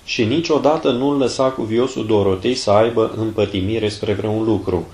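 A man reads a saint's life aloud, measured and solemn. His voice sits low. The recording has a noticeable room echo. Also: a little mellow. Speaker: narrator.

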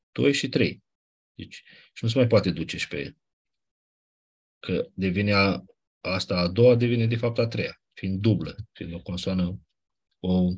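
A man's voice: lowish voice, husky. A man teaching a class, explaining grammar rules patiently and repeating the key points. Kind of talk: classroom lecture on Ancient Greek accents.

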